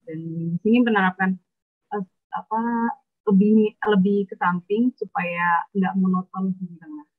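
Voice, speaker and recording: A woman's voice: medium pitch, level tone, measured pace. A woman student presenting hesitantly, faint as if the phone is held away. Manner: hesitant, many filler sounds. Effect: faint, choppy voice as if the phone is held away on a video call. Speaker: student presenting her work. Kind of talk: online class presentation. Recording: thin phone-like call audio.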